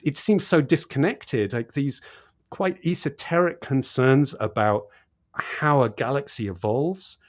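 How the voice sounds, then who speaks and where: A man with a medium-pitched, somewhat dark voice appears as a podcast guest, a cosmologist explaining his research in conversation. He is enthusiastic and repeats points for emphasis.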